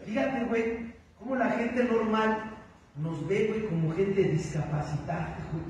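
A man's voice: high-pitched, steady tone, measured pace, a little mellow. A Mexican man speaking as a sponsor at a recovery group, giving a blunt, profane, slangy talk that keeps calling out to his companions. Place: meeting room of a recovery group. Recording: echoey distant room mic with faint noise.

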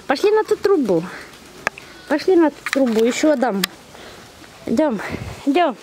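Against a noisy background, a zoo visitor's high voice swings widely in pitch as she speaks a little slowly in affectionate baby talk full of repeated words and pet names, as if to animals. She is filming and feeding the bears outdoors at their enclosures with a handheld camera.

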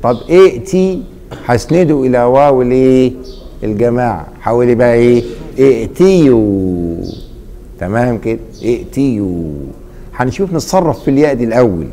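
Mellow-voiced Egyptian male teacher quizzing students. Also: mid-range voice, expressive, quick pace, slight background noise. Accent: Egyptian Arabic. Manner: quizzing, leaves blanks for students to fill. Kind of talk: classroom grammar lesson.

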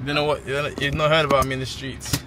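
A man's voice: mid-range voice, little pitch movement, fast, very noisy. A man from London with a London accent, chatting playfully and boasting in a casual vlog.

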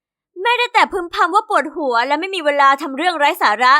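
A woman tells an animated diary story in the first person, playing a young girl. Her very high voice is bright and ringing, and her scripted delivery is lively, expressive, and fast.

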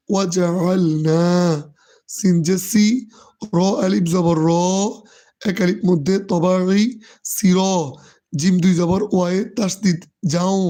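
A hoarse Quran teacher who drills the reading syllable by syllable and explains tajweed rules. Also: medium pitch, warm tone. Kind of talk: slow Quran reading lesson, spelling out letters and vowels.

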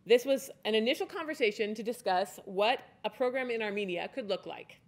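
A woman's voice: on the high side, expressive, a little fast. A woman in her forties giving a conference talk at a podium on a stage, chatty and loose, with restarts and fillers. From United States. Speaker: conference speaker. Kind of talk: conference presentation. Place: stage in a large hall. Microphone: podium mic.

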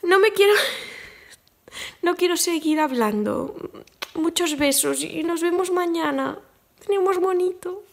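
Woman, high voice, crochet tutorial host, affectionate, emotional, soft whispers at times. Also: animated, a little slow, creaky, long pauses. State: tearfully emotional. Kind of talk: casual crochet tutorial chat.

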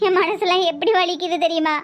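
ஒரு பெண் கார்ட்டூனில் நெல்லை வட்டார வழக்கில், மனம் புண்பட்டு அழுதுகொண்டே பேசும் வயதான பணக்காரப் பெண்ணுக்குக் குரல் கொடுக்கிறார். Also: female voice, extremely high pitch, steady tone, a little fast. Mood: hurt, tearful. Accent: Tirunelveli Tamil. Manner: sobbing, pleading. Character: tearful elderly rich woman, proud and hurt. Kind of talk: cartoon voice acting.

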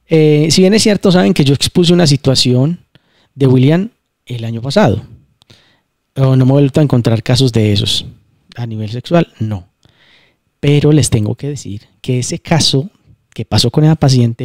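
A man's voice: mid-range voice, vocal fry, a little mellow, dry recording, clean studio sound. A man hosting a casual spiritual talk, explaining emphatically and repeating his points. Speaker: channel host.

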